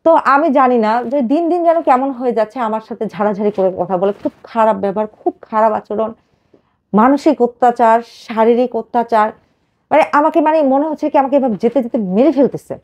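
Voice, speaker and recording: A woman in her thirties tells her own life story to a host, fast and emotional, with many fillers. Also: a little high, expressive, darkish tone, lo-fi sound. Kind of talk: personal life story told to a radio host.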